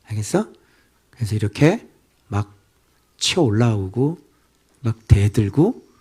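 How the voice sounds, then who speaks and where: The husky, mid-range voice belongs to a middle-aged male pastor giving an expository sermon. He challenges the congregation with rhetorical questions and shifts between scolding loudly and dropping almost to a whisper.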